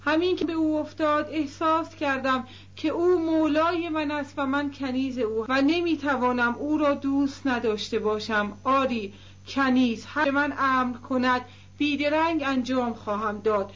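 Woman voicing a young woman in love, storybook, eager and confiding, high voice, dull echoey sound. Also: fairly bright tone. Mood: rapturous.

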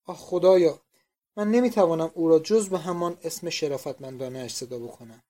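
A man's voice: a little high, mellow, natural voice. A man reading the part of a fussy middle-aged landlady, anxious and coaxing, in an audiobook. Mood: pleading. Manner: pleading, coaxing tone.

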